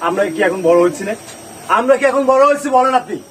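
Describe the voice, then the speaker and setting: A young eldest son, played by a man, pleading and scolding in a high, quick voice. Faint noise sits behind him. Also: expressive, far from the mic. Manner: pleading yet scolding, talks over others. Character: eldest son trying to calm an angry father. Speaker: eldest son in a family drama.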